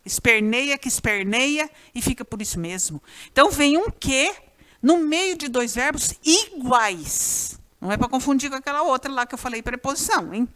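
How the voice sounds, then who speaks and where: Brazilian woman teacher, fairly high voice, chatty classroom delivery, speaks right to her students. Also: normal speed. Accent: Brazilian Portuguese. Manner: lively, chatty, often addresses students directly. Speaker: Portuguese teacher. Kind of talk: recorded grammar class.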